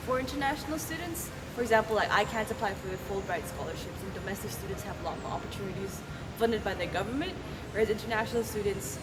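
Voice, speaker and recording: Fast-talking young woman student. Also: medium pitch, lively intonation, heavy background noise. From Indonesia. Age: young adult. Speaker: international student. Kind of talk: interview answers.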